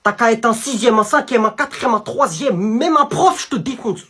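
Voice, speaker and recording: A man's voice: very high-pitched, normal speed, sharp tone, husky, exaggerated voice. A man voicing an aggressive teenage schoolboy who uses street slang and threatens to beat someone up. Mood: threatening.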